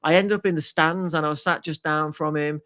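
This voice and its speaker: A middle-aged man, talking in a fairly high voice. He chats casually as a podcast guest, telling lively stories and laughing often. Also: brisk, no echo, studio quality. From Liverpool, England. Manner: animated, storytelling, laughs often. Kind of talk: casual chat.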